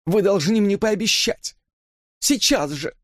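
A man's voice: sits high, unhurried, a bit bright, no room sound, studio quality, voice pushed up. A man voicing an earnest, anxious young woman in an audiobook reading, speaking in a tense, pleading, trembling way. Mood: indignant.

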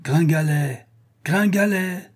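A man's voice: on the high side, slow, breathy edge, voice pushed up. A man voicing a cruel, brutal master in a storybook reading, barking harsh commands. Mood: bellowing.

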